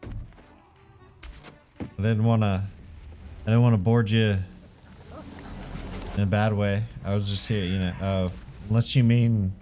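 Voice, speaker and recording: A man's voice: on the low side, flat delivery, measured pace, pauses often, dark tone. A laid-back man casually commenting while playing a video game, chatty and swearing freely. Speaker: gaming channel host. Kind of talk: casual let's-play commentary. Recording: commentary over game audio with faint music.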